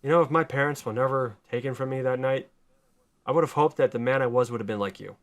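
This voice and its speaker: A man doing a hushed brooding Batman. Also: lightly acted. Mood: solemn. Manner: hushed, low and fast. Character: brooding grown man Batman, solemn and weary.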